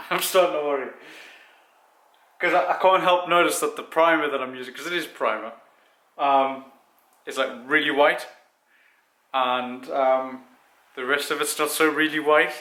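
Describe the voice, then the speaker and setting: Speaking at a measured pace with long pauses, a man with a slightly high, sharp voice chats self-deprecatingly about working on his car in his home garage. The car vlogger was born in South Africa and grew up in Zimbabwe.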